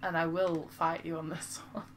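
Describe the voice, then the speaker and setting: A woman's voice: low voice, little pitch movement, normal speed, slight background noise. A woman with a Lancashire accent chatting casually on a game stream, self-mocking and reading viewers' comments aloud. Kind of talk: casual live-stream chat.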